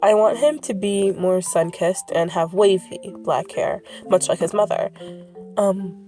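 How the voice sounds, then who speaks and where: A woman with a medium-pitched, dark voice speaks at a measured pace over soft background music. She's sick, sniffling and congested, as she casually presents her characters in a rambling vlog commentary. She often corrects herself and drifts off script.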